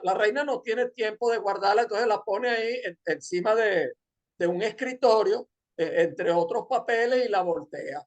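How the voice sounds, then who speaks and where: Venezuelan man lecturing with joking asides. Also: high-pitched. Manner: digressive, hesitant, joking asides. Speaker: seminar lecturer. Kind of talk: informal lecture retelling a story.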